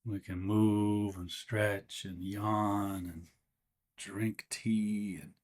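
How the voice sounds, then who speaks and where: This meditation guide is a man whose voice is rather low and barely shifts in pitch. He talks softly and at an easy pace, often breaking off mid-sentence and then resuming.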